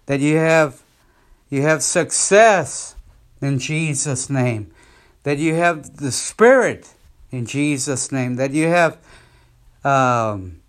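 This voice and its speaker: Slow, fervent evangelist man. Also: high voice. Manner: fervent, repetitive preaching cadence. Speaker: missionary evangelist, podcast host. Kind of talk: podcast sermon, exhortation.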